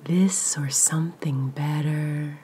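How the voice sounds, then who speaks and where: Woman meditation guide, whispered throughout, low and mellow, very slow delivery. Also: fairly even intonation. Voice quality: whispering, breathy. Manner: soft, slow, soothing pauses.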